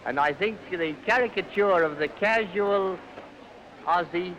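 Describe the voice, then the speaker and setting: A man giving short, measured remarks to a film audience, heard as an old newsreel archive recording. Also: high-pitched, a crowd in the background. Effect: old newsreel archive sound. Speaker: film entertainer introduced to the audience. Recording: muffled early sound-film recording with music.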